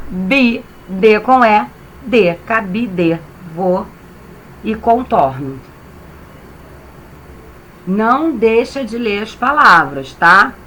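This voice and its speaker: A woman teacher with a Brazilian accent, giving a reading lesson to young children and sounding out syllables clearly. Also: medium pitch, bright, forceful tone. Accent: Brazilian Portuguese. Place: home, reading from a computer.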